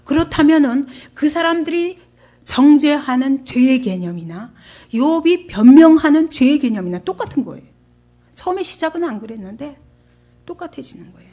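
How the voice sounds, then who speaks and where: A woman's voice: sits high, mellow. A woman pastor preaching a sermon to a congregation, asking them questions and acting out the voices she quotes. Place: church.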